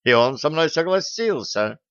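A cheeky little gnome hologram girl, put on by a man reading an audiobook, gossipy and gleeful, pitched somewhat higher than the narrator. Her voice comes out smooth and clear. The recording is dry and a touch dull. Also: big pitch swings, normal speed, a bit bright, dry recording. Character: cheeky female gnome hologram, ship's program.

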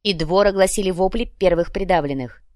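Brief: woman audiobook narrator, steady storytelling, close dry recording. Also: on the low side, fairly quick, dry recording. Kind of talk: scripted narration.

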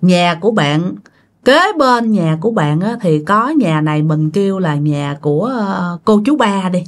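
A woman's voice: on the low side, lively intonation, unhurried. A woman telling a ghost story casually, chatting directly to her listeners.

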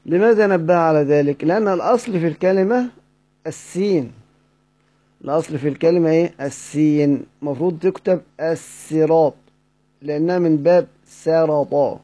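A man's voice: a little high, normal speed, warm tone. A man with an Egyptian accent giving a recorded lecture, asking his students questions, answering them himself and repeating the key points. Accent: Egyptian Arabic. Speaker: teacher. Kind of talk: recorded lecture explaining a text. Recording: dull lo-fi recording.

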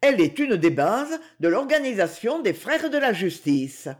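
A reader voicing a stern, courteous brigand king who speaks gravely and with conviction. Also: sits high, sing-song, normal speed. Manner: cool, courteous, solemn.

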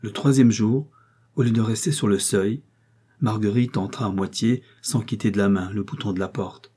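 Low husky male audiobook narrator. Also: moderate pace, dark tone. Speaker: audiobook reader. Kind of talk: scripted narration of a novel.

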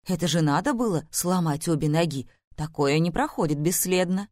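A woman reading an audiobook voices a calm grown-up son and husband in a gentle, reasoning way. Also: fairly low pitch, normal speed, dry recording, studio quality, natural voice.

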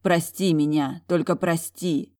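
A woman's voice: low voice, fairly even intonation, measured pace, darkish tone. Woman reading a sorry young guy begging forgiveness, earnest, audiobook. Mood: pleading. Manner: earnest, pleading. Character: remorseful young man, proud and pleading.

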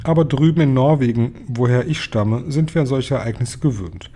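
A man voicing an older grandmother who stays calm and quietly mischievous. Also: medium pitch, moderate pace, natural voice. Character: calm, sly old grandmother.

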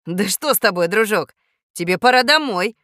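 Woman narrator doing a kind, courteous grown man in a storybook, mid-pitched, dry sound. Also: expressive, normal speed, sharp tone, no echo. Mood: polite, pleading. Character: kindly middle-aged man, a parrot's owner.

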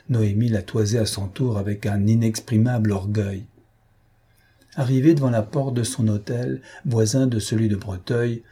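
A man narrating an audiobook novel in a measured, dramatic reading style. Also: lowish voice, warm tone, breathy edge. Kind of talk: scripted narration.

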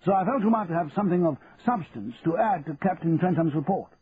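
A man voicing a stern older army colonel who speaks formally and deliberately. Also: high voice, animated, voice pushed up. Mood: formal, probing. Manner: measured, formal, officer's clipped diction. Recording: tinny phone-like, faint hiss.

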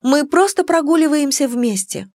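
A woman voicing an exasperated young student heroine with an indignant, sharp delivery. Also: sits high, moderate pace, dry recording, clean studio sound, pitched above the performer's own voice, close to an everyday voice.

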